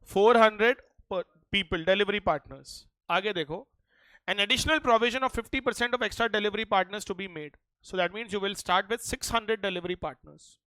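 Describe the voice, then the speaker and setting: Fast, high-voiced Indian man teaching. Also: sharp tone, no room sound, poor audio. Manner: insistent, often checking that students follow, addressing them familiarly. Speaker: teacher of an exam preparation class. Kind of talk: classroom lecture mixing English and Hindi.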